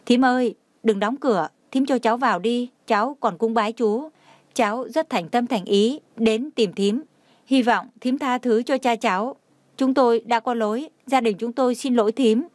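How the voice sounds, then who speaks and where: A woman's voice: a little high, moderate pace, darkish tone, dry recording, natural voice. A woman voicing a tearful young woman who sobs and pleads for forgiveness. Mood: pleading. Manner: sobbing, pleading.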